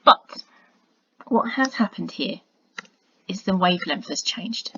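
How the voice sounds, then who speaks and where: A woman, a science teacher narrating a recorded video lesson, explaining patiently and muttering quiet asides as she draws. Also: on the low side, lively intonation, slow pace, a little hiss or hum. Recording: dull lo-fi dry recording.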